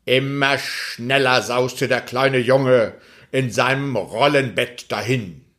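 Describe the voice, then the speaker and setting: A man who reads a children's tale slowly and then comments in a deliberate tone, with hesitant fillers. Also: mid-range voice, fairly bright tone. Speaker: storyteller and foundation spokesman.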